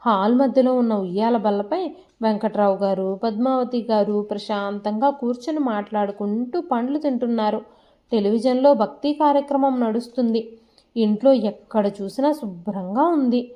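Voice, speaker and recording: Female storyteller, high-ish voice, steady emotive read, muffled recording. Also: moderate pace. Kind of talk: scripted story narration.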